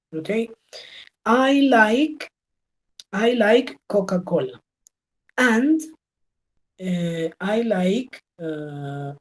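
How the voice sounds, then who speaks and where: Slow, mellow woman teacher. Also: on the low side, rough recording. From Colombia. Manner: patient, checks in often with "¿sí?" and "¿ok?"; switches between Spanish and English. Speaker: English teacher. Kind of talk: online class lecture. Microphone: video call.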